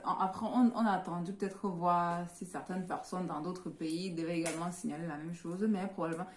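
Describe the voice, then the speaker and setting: A woman's voice: fairly low pitch, darkish tone. A woman, a native French speaker with a French accent, chatting casually to viewers as co-host of a vlog. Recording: roomy, echoing sound.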